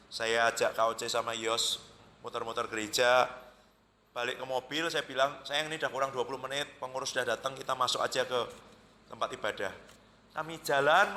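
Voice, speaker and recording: A man's voice: medium pitch, big-room sound, slight background noise. A male pastor with a Central Javanese Indonesian accent, preaching in a chatty storytelling style and acting out quoted voices. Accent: Indonesian, Central Java. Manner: chatty, anecdotal, acts out quoted voices with lively jumps. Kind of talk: conversational sermon storytelling. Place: church worship hall.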